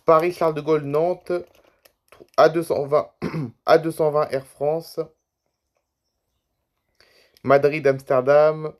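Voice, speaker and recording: A man's voice: a little high, level tone, slow pace, pauses often. A tired man YouTuber giving rambling, chatty commentary over a screen recording, reading out flight routes one after another.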